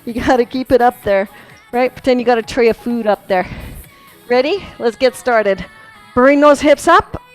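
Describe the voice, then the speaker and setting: Workout music plays behind this low-quality recording of a woman teaching a core class at a fitness studio. Her voice is a little high and moderately paced, and she keeps up encouraging chatter, laughing a lot while showing the moves as she speaks.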